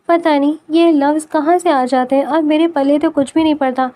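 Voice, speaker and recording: A woman's voice: sits high, steady tone, warm tone, close to an everyday voice. A woman voicing a stubborn, coy and innocent young wife who is also a student, speaking in a pouting, playful way. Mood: fretful.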